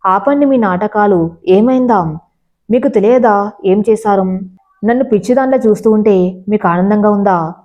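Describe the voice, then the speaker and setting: A woman's voice: mid-range voice, normal speed, pauses often, natural voice. A woman narrator voicing a desperate young female employee who speaks in bitter, accusing tones. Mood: bitter accusation. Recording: slightly dull lo-fi sound.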